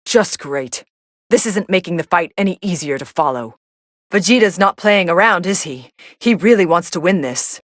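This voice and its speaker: Video game fight commentator: actress playing aloof young female android, lowish voice, sardonic deadpan delivery, very dry studio sound. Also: normal speed, no echo, lightly acted. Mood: scornful, irritated.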